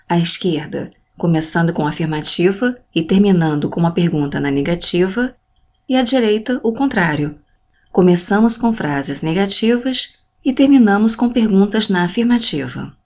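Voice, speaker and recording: Clear, deliberate woman teaching English. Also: lowish voice, darkish tone. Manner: clear, deliberate, models English phrases then translates them. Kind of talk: scripted language lesson narration.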